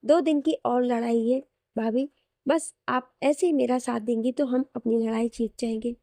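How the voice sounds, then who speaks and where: A woman voicing a warm, joking young man who speaks respectfully to his sister-in-law. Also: extremely high pitch, fairly even intonation, normal speed, gravelly, no echo, studio quality. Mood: affectionate. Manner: affectionate, joking.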